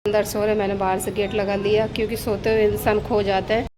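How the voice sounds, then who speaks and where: A woman vlogging casually at home and on a rooftop, talking quietly into a phone camera so she won't wake anyone. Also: little pitch movement, fairly quick, noisy background. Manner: hushed, low-volume talk so as not to wake a sleeper. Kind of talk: casual vlog chat while walking around home.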